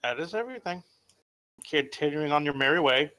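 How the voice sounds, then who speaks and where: A man narrating an improvised tabletop game as game master, informal and halting, sometimes swearing. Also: a little high, animated, pushed and bright, rough recording.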